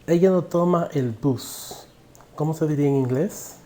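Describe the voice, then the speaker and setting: A man gives a recorded online English grammar lesson in an unhurried, mellow voice. He poses questions to the viewer, then pronounces each example sentence slowly and deliberately. A faint background noise sits under the recording. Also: fairly high pitch. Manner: asks the viewer questions and pauses for answers. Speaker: English teacher.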